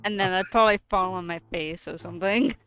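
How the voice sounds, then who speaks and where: A woman's voice: mid-range voice, fast, fairly bright tone, clean tone. A woman chats playfully while playing a tabletop game on a livestream. Faint music plays behind her. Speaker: player. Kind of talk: casual tabletop play on a livestream.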